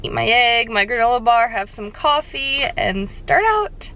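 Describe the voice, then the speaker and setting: A woman's voice: on the high side, expressive, unhurried, rough recording. A young woman talking as a vlogger in a casual, rambling check-in to the camera from inside a car. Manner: informal, rambling vlogger talk. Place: inside a car while driving. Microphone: camera set down in the car. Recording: loud car and road noise.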